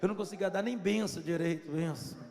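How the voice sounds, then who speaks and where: High-pitched gravelly-voiced pastor from minas gerais, animated sermon storytelling, echoing church hall. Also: male voice, quick pace. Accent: Brazilian Portuguese, Minas Gerais.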